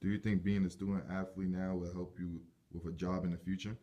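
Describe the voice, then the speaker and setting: A man's voice: low-pitched, level tone, brisk, dark tone, highs cut off. A man reading out prepared questions as an interviewer.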